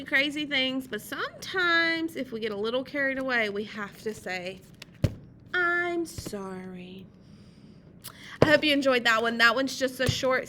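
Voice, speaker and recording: Brief: woman storytime reader, bright and high, slow and expressive, faint noise behind. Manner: gentle, expressive, drawn out. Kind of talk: reading a picture book aloud to children.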